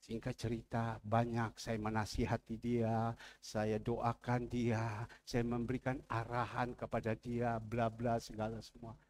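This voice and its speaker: A man preaching a sermon as a pastor, acting out the people in his stories with a raised voice and dropping low to make his point. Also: unhurried, a little hiss or hum. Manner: animated, acts out quoted people with a raised voice, then drops low to preach.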